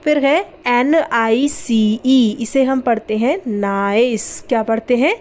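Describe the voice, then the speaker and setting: Young woman, patient beginner-lesson teacher, slightly high voice, spells words slowly. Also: a little mellow. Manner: patient, spells words letter by letter, asks and answers own questions. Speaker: English teacher. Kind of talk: spoken language lesson.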